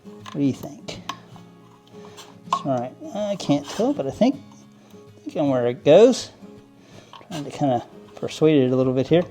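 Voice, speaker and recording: In a fairly high, sing-song, warm voice at a moderate pace, with soft music in the background, a model train hobbyist channel host narrates his work. Cleaning model trains at his table, he offers a casual, rambling how-to peppered with fillers, restarts, and frequent little chuckles.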